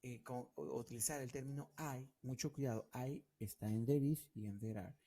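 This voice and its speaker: A man's voice: mid-range voice, fairly even intonation, moderate pace, dark tone. A man co-teaching an English class, explaining grammar in Spanish with English example sentences.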